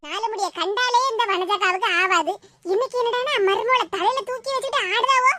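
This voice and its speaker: A woman with a Tirunelveli Tamil accent voicing a dramatic, aggrieved village housewife in a cartoon, with sped-up, high voice. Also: brisk, sharp tone. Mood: gossiping. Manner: wailing, self-pitying complaints mixed with gossip. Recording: noisy with clicks.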